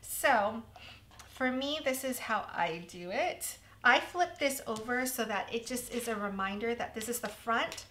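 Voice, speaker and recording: Woman crafting host, bright and fairly high, slightly hoarse, chatty, faint hiss behind. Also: animated, measured pace. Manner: chatty, self-deprecating, laughs at her own mistakes. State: slightly hoarse, losing her voice. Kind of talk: casual crafting tutorial.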